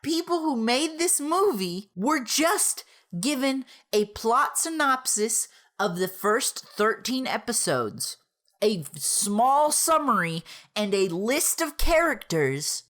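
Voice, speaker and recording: A young woman in her twenties ranting a movie review straight to camera, exasperated, breaking into laughter and yelling between calmer stretches. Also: medium pitch. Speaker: YouTube reviewer. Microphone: camera mic, facing the camera.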